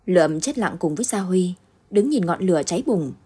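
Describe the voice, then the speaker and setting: A woman narrating a late-night short story in a steady, measured reading voice. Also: on the low side, slightly rough.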